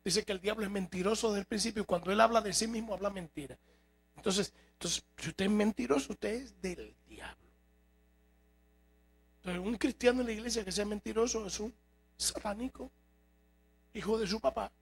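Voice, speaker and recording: Raspy, high-pitched preaching man. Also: lively intonation, moderate pace, long pauses. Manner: emphatic, rhetorical questions to congregation. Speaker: pastor. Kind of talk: sermon. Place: church.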